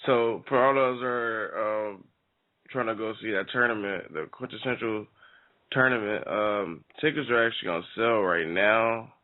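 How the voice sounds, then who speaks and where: A man's voice: lowish voice, moderate pace. Brash male wrestling radio co-host, teasing banter, tinny phone-like sound. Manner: brash, teasing, swears freely. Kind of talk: casual wrestling talk radio. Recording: phone-like lo-fi audio.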